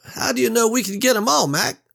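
A man voicing a nervous young male plant worker with a jittery, high-pitched manner. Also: brisk, vocal fry, fairly bright tone, full character voice. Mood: scared.

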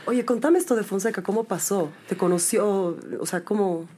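A woman's voice: medium pitch, normal speed, warm tone, slight background noise. A woman host, asking short, curious questions in a casual interview.

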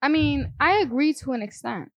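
A woman's voice: sits high, lively intonation, moderate pace, fairly bright tone, no room sound. A woman from East New York with a Brooklyn accent, a podcast guest chatting in an insistent, playful way. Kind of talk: casual chat.

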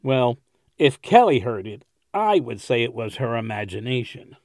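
A man's voice: mid-range voice, sing-song, moderate pace, a little mellow, no echo, studio quality. An actor playing a chatty, wry male neighbor at a resort in an audio drama.

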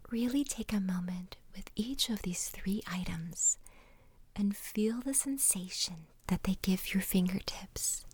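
Soft, breathy spa whisper from a woman, very slow. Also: medium pitch, dry recording. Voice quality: breathy, unvoiced. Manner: slow, unhurried instructing with pauses. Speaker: guide of a breathing and relaxation exercise. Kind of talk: soft whispered ASMR guided mindfulness exercise.

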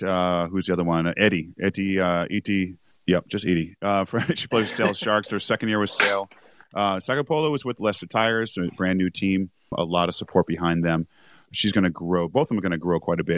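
A man co-hosting a rugby podcast, rambling and correcting himself, a little hoarse as he is losing his voice. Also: low voice, fairly bright tone, dry recording. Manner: rambling, self-correcting, chuckles often. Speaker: podcast co-host. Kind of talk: casual rugby chat.

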